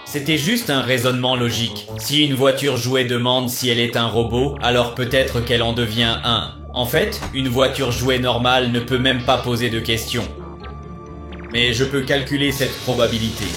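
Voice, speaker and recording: A man's voice: mid-range voice, normal speed. A man doing a logical cartoon robot voice. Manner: flat, precise, speaks in calculations. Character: talking AI toy robot, logical and literal. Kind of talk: cartoon voice acting. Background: children's music.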